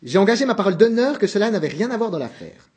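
A man's voice: high-pitched, sing-song, fast, darkish tone, pitched above the performer's own voice. A man doing a stern scolding office manager. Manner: scolding, formal, indignant. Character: stern middle-aged male office manager.

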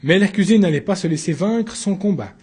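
A man with a fairly high but mellow, husky voice narrates a story in the first person. His delivery is even and measured, like an audiobook reading.

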